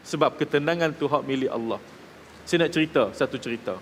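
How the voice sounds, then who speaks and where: Malaysian Malay preacher in a reverberant hall. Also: male voice, a little high, a little fast, slight background noise. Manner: addresses the audience directly, asks checking questions; acts out quoted people in his stories. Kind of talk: religious talk to a live audience. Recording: reverberant hall with faint ambience.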